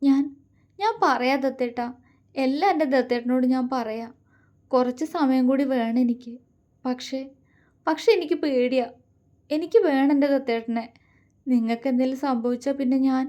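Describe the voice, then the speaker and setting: A woman's voice: high-pitched, animated, unhurried, dull audio, voice pushed up. A woman voicing a pouty, anxious young woman who whines and pleads with her lover. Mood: tearful pleading. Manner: whiny, pleading, sulky.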